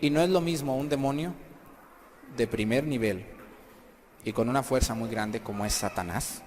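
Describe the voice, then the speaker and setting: A man's voice: mid-range voice, normal speed, a little mellow, a little hiss or hum. A man, a priest giving an emphatic sermon and questioning the congregation. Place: church. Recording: echoey hall, faint background ambience.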